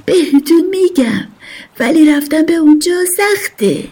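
A big, wise old dolphin from a storybook speaks kindly and patiently, as a woman narrator puts him on. The voice sits high yet mellow in tone. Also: lively intonation. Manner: gentle, patient, explaining.

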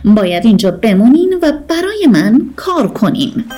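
A woman's voice: fairly high pitch, very animated, warm tone, soft background music. A woman voicing a vain, bossy male octopus who guards a sunken ship, talking in a pompous, boastful, stern way.

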